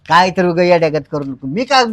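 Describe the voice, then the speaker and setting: A woman's voice: fairly low pitch, very animated, fairly quick, no echo. A woman playing a puzzled, dismissive village husband in a comedy skit, brusque yet coaxing, with a rural Marathi accent. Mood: defensive, dismissive.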